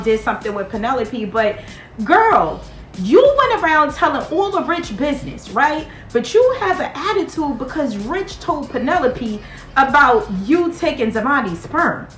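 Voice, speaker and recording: Chatty high-voiced woman recapping TV. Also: moderate pace, echoey room, faint music behind. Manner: chatty, animated, talks straight to viewers. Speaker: TV show recap host. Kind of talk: casual TV recap commentary.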